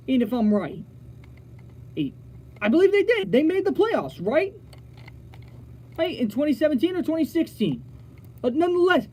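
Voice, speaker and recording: A young man hosting a college radio sports talk show, talking straight to his listeners with lots of restarts and animated emphasis. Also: very high-pitched.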